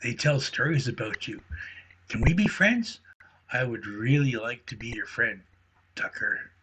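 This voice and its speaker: A man voicing an excitable little male flying squirrel with a squeaky voice, in a bedtime story. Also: measured pace, slight background noise. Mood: eager. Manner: eager, talks in a rush.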